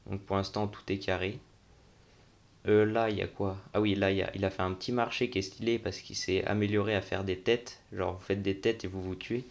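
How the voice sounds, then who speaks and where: A man's voice: low-pitched, steady tone, fairly quick, gravelly. A young man giving casual, unscripted commentary on a game tour, thinking aloud in informal, slangy language. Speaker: gaming video host.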